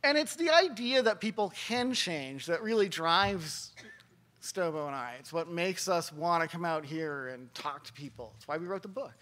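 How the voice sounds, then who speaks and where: A man giving a keynote talk at a conference gathering, telling a story earnestly and pausing for emphasis. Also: fairly high pitch, animated, sharp tone. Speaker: keynote speaker.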